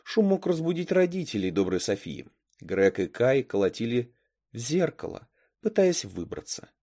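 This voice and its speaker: A man narrating a storybook chapter with expressive, dramatic delivery. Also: medium pitch, normal speed. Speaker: story reader.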